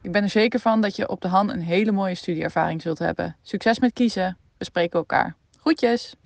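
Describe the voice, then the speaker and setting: A woman in her twenties leaving a voicemail message, speaking as a graduate and communications adviser with a steady, read-out delivery. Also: mid-range voice, a little fast, gravelly, no echo. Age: 20s.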